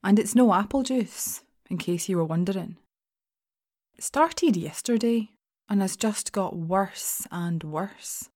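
Casting: actress as anxious, sardonic shop worker, female, broad Scottish accent, mellow timbre, sweary confessional monologue for audio drama. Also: medium pitch, animated, takes it slowly. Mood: wry, uneasy. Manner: wry, confiding, sweary storytelling. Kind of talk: first-person dramatic monologue in an audio fiction podcast.

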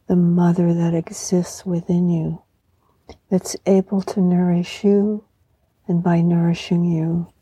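A serene woman speaks very softly and slowly, with a breathy, near-whispered and very mellow tone. She guides a meditation in soothing, even phrases, recorded close and dry. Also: lowish voice, no room sound. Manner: serene, soothing, slow and unhurried. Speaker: podcast host and meditation guide. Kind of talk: guided meditation with poetry reflection.

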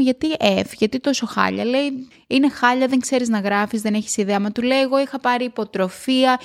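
A woman hosting a motivational podcast at home, talking loudly and emphatically with excitement. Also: a little high. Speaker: podcast host. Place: at home alone.

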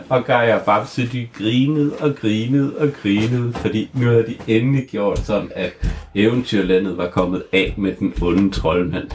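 A man's voice: fairly low pitch, steady tone, a little mellow, roomy sound, slight background noise. A man improvising a children's story, narrating playfully with laughing asides.

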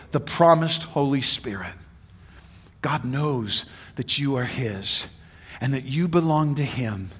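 A man preaching a sermon as pastor, swinging from loud shouted declarations to hushed, intimate passages. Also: fairly high pitch. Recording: reverberant hall.

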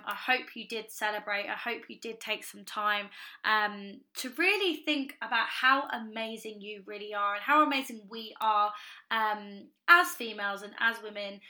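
A young woman who hosts a podcast and works as a business coach talks solo in a casual way, her bright, fairly high voice slightly croaky after a party. She's upbeat and gushing, with lots of ums and "you know".

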